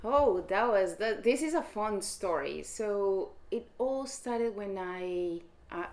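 A woman investor, a guest in a studio interview, telling her story in an animated way. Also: medium pitch, slow pace.

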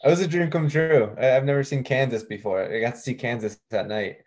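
A man's voice: mid-range voice, fairly quick, a little mellow. A man co-hosting a sports podcast, cracking wry jokes and laughing along. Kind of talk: casual sports chat.

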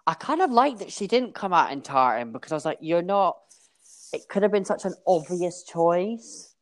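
A man's voice: high-pitched, sing-song, fairly quick. Sassy Scottish drag queen guest. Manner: sassy, playful, enthusiastic. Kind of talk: casual chat.

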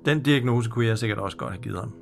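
A man with a gravelly, creaky voice at a middling pitch, chatting loosely on a podcast and backing up his co-host with quick yeses. A faint bed of music plays under the conversation. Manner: agreeable, backs up his co-host with short replies. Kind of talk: casual chat recapping a TV episode.

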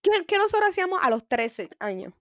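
High-voiced Puerto Rican woman speaking slangy Spanglish. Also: big pitch swings, fast talker, dry recording, studio quality. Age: 20s. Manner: Spanglish, mixes English words into Spanish; slangy, peppered with swearing. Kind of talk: casual chat.

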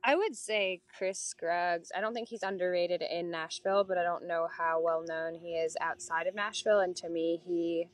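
A woman's voice: on the low side, fairly even intonation, moderate pace, hardly any pauses, no echo. A young woman from Europe, raised in Paris, answering candidly and at length as a guest musician in a casual interview. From Europe, born in Italy, raised mostly in Paris. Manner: chatty, candid, long-winded answers.

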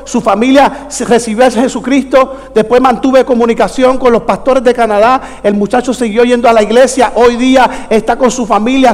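A man from Puerto Rico preaches a storytelling sermon in Spanish with a Puerto Rican accent, dramatically acting out dialogue and breaking into shouts. His voice is very high-pitched, and the recording has long hall reverb.

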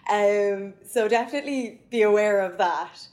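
A woman's voice: medium pitch, moderate pace, darkish tone. A young woman from County Mayo with an Irish accent, giving conversational advice as a podcast guest. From County Mayo, Ireland.

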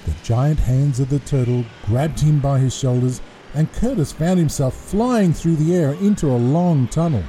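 A man reading a children's story aloud in an expressive, playful way. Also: fairly high pitch, normal speed, hardly any pauses, a little hiss or hum. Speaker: narrator.

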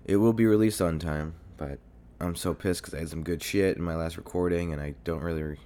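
Speaking fairly quickly in a steady, mellow tone, a sick young host delivers a rambling solo podcast monologue. His deep voice is hoarse and congested, peppered with fillers and profanity, and captured by a desk mic near his home computer.

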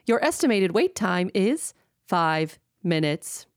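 An actress voicing a perky phone hold announcer with an upbeat sales pitch. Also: female voice, very animated, slow, heavy background noise, heavily acted.

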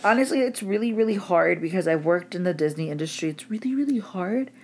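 A woman's voice: on the low side, expressive, fast. A woman from California co-hosting a casual podcast, rambling informally with slang and swearing. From Anaheim, California. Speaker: podcast co-host.

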